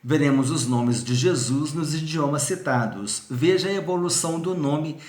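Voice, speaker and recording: A man's voice: on the high side, normal speed. Teaching man in an echoey room. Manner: explanatory, restarts and repeats points; addresses viewer directly. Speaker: seminary teacher. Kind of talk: recorded video lesson.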